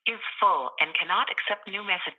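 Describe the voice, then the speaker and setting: A woman's voice giving an automated voicemail announcement over the phone, read in a flat, even announcer manner. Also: medium pitch, a little fast, slightly rough. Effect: automated phone voicemail message. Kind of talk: recorded phone system announcement. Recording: dull muffled phone line.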